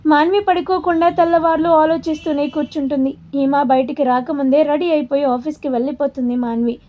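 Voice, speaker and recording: A woman narrating a story in an even, descriptive storytelling manner. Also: high voice, fairly quick.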